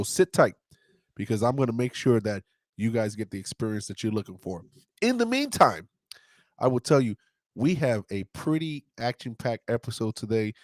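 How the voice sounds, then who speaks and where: A man co-hosting and producing a casual podcast, excitable, laughing often and repeating his words. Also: medium pitch, no echo.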